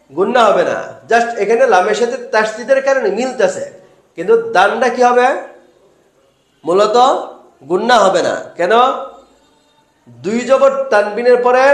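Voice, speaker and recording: Slow, high-voiced man teaching recitation. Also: echoey room. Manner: slow, asks questions then answers them himself. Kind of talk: step-by-step recitation lesson.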